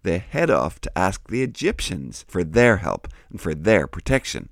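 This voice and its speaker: Very deep-voiced, animated man hosting. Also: normal speed, gravelly, dry recording, studio quality. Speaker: host. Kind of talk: scripted educational Bible show dialogue.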